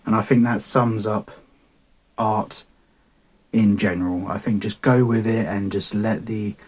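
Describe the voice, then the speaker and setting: A man's voice: on the low side, fairly even intonation, a little slow, a little mellow, slightly rough. A man, an artist answering viewer questions in a casual, rambling way, swearing freely and laughing at himself.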